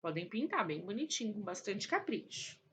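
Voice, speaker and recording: Brazilian woman teacher, bright tone, coaxes kids with questions, faint hiss behind. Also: medium pitch, sing-song, moderate pace. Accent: Brazilian Portuguese. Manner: affectionate, coaxing, asks and answers her own questions. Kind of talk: recorded online lesson for children.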